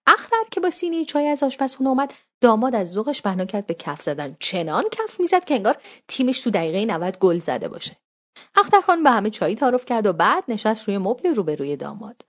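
Woman narrating a story, animated pitch. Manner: conversational, wry first-person telling.

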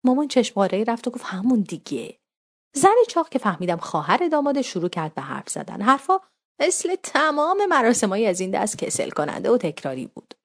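A woman's voice: fairly high pitch, big pitch swings. A woman narrating a first-person story in casual spoken language, wry and conversational.

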